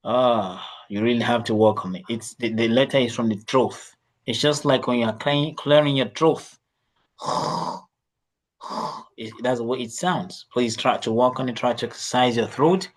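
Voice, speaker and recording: A man's voice: medium pitch, normal speed. Casting: male Arabic teacher, patient and repetitive, coaches pronunciation in an online lesson. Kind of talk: online class instruction.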